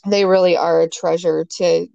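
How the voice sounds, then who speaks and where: A woman's voice: fairly low pitch, flat delivery, normal speed, gravelly, darkish tone, no room sound. A woman guest, a parent, talking in a rambling way with many fillers. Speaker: guest, parent of a child with Fragile X. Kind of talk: conversational interview. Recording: dry, dull lo-fi sound.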